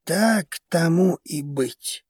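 A stern old patriarch, as a male narrator reads him speaks in an audiobook, husky and close with a dry sound. He sounds curt and commanding. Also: a little high, animated, very slow, dry recording, pitched above the performer's own voice, heavily acted. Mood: harsh. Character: stern old head of a noble house.

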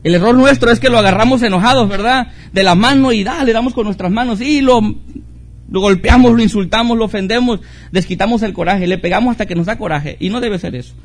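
A middle-aged male pastor delivers an earnest sermon in a high-pitched voice. He leans on rhetorical questions and repeats phrases for emphasis. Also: brisk. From Mexico.

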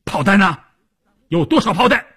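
A man voicing a hot-tempered army division commander who shouts orders and curses, with a husky voice. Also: high voice, lively intonation, moderate pace, voice pushed up, full character voice. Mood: furious commanding.

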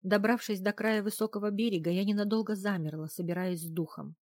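Calm woman narrating an audiobook. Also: mid-range voice, brisk, no echo, clean studio sound. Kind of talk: first-person audiobook narration.

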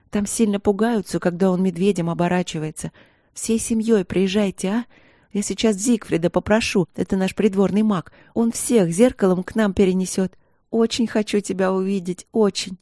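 A woman's voice: mid-range voice, mellow, no echo, studio quality, lightly acted. Woman narrator playing a young queen, overjoyed, eager, pleading.

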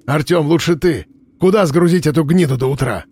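A man reading an audiobook, voicing a gruff, sardonic middle-aged investigator. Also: a little high, brisk, darkish tone. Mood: gruff, mocking.

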